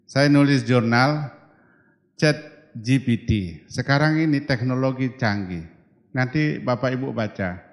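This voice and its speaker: A man's voice: mid-range voice, measured pace, long pauses. Older man preaching with humor. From Toraja, Indonesia. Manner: humorous, storytelling, acts out quoted voices. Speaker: guest preacher and seminary rector. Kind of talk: sermon. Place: large church hall. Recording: long hall reverb.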